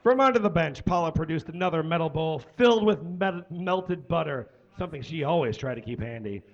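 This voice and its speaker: A man doing a comedic live reading on stage into a microphone, theatrical with loud bursts of emphasis. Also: fairly high pitch, expressive, fairly quick, highs cut off. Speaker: live show performer. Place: stage before a live audience.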